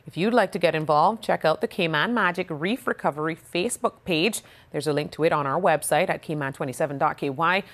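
Female studio news anchor, slightly low voice, polished clean delivery. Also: brisk, hardly any pauses.

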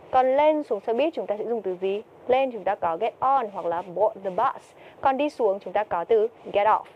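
A woman's voice: a little high, muffled recording. A woman teaching TOEIC vocabulary, who keeps asking her students questions and answering them herself. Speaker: English teacher.

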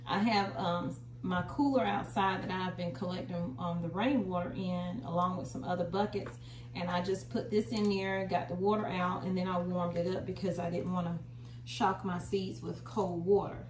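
Her voice fairly low, darkish, and level, an American woman speaks at a moderate pace while hosting a home gardening video with a casual, folksy how-to demonstration. She is in a small indoor room at home, captured by a camera a short distance away, giving a roomy, distant sound with faint noise.

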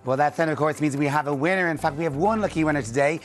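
A man's voice: on the high side, racing. Male bingo caller over music. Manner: clear scripted presenter delivery, announcing numbers digit by digit. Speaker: television bingo host. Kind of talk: bingo caller, calling numbers on a televised draw. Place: TV studio. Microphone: lapel mic.

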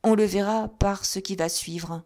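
A woman narrating an audiobook of a classic novel in an even, measured storytelling manner. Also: mid-range voice. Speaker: audiobook reader.

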